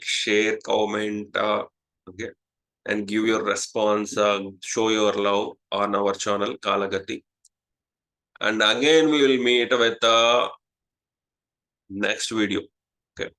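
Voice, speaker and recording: A man with an Indian English accent, whose first language is Telugu, hosting a casual spiritual talk and pausing often with "uh" and "okay". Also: fairly low pitch, pushed and bright, poor audio. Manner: slow, halting, many "uh" and "okay". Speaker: astrologer, channel host.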